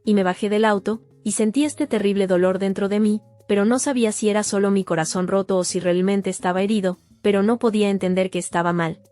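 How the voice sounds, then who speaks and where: A woman narrating a first-person testimony as a voice-over, in a steady, sober storytelling manner. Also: medium pitch, quick pace, hardly any pauses. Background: faint guitar music.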